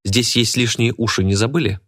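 A man's voice: mid-range voice, a little fast, fairly bright tone, voice pushed up, natural voice. A man voicing a spiteful, scheming woman who charms snakes, speaking in a contemptuous, snapping manner. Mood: scornful.

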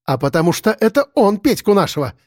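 A man's voice: high voice, very animated, a little fast, a little mellow, no echo, studio quality, voice pushed up. A man reading an audiobook, voicing a young woman who shrieks her accusations in hatred. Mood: furious. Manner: screeching, accusing.

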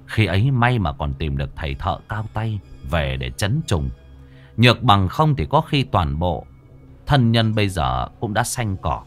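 A man narrating a ghost story in a slow, somber way. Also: low voice, big pitch swings. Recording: faint music behind the voice.

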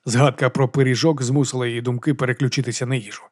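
A man narrating an audiobook in a steady, even storytelling manner. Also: medium pitch, fast, breathy edge, dry recording, studio quality. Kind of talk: scripted narration.

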